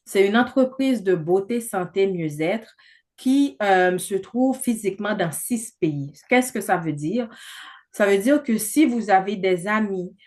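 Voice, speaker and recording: A woman's voice: mid-range voice, lively intonation, unhurried, darkish tone. A woman in her thirties giving a persuasive business presentation over a video call, chatty, with many fillers. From not from Canada.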